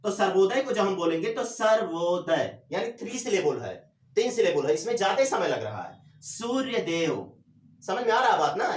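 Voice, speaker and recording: High-voiced male teacher, echoey room. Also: far from the mic. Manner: repeats questions and answers them himself; drawls syllables slowly to demonstrate. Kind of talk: classroom lecture.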